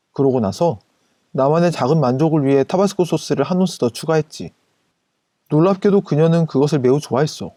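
A man narrating a first-person anecdote as scripted storytelling, in an even, casual retelling style. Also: fairly high pitch, dry recording.

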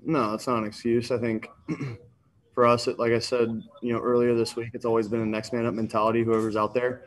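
A man's voice: medium pitch, flat delivery, a little fast. A young man in his twenties, a quarterback answering questions at a postgame video press conference in a subdued way, with many ums and stock phrases. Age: 20s. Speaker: football quarterback. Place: indoors in front of a sponsor backdrop. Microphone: desk mic on a video call.

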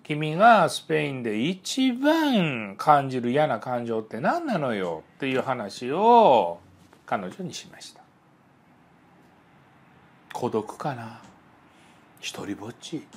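A man giving a psychology lecture, telling stories in an animated way and voicing the people in them. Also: medium pitch, slow pace, long pauses, slightly rough. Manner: animated storytelling, voices the people in his stories. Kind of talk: spoken lecture with acted-out dialogues.

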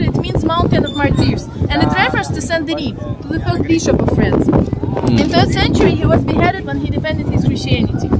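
High-voiced woman tour guide. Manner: explanatory, asks the group questions. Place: outdoor viewing deck high above city at night. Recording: noisy windy outdoor city ambience.

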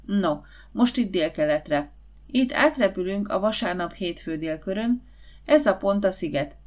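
A woman's voice: mid-range voice, lightly acted. A woman narrator voicing a confident, eager schoolboy who leads his friends in a storybook. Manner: lively, confident, persuasive.

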